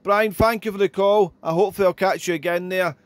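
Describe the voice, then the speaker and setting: High-voiced radio ham. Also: male voice, steady tone, quick pace, no echo. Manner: chatty, repeats "there" and phrases. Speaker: amateur radio operator. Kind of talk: radio contact chat with spelling alphabet.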